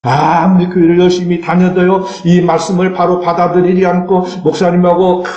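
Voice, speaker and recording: A man's voice: sits high, flat delivery, normal speed, a little mellow, dull audio. A man preaching a Sunday sermon as pastor, reading scripture aloud and breaking into fervent cries. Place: church sanctuary. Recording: echoey church sanctuary.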